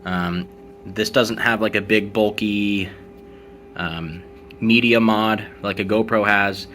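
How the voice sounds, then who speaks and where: Male motovlogger, lowish pitch, casual explanatory product walkthrough, slight background noise. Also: steady tone, slow pace, fairly bright tone. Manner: informal, conversational explaining. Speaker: motovlogger presenting gear.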